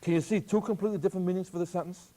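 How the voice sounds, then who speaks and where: An older man, a math professor, giving a lively, joking classroom lecture on algebra. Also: high-pitched, rapid-fire. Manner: lively, jokey, plays with voice inflection. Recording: archival taped lecture.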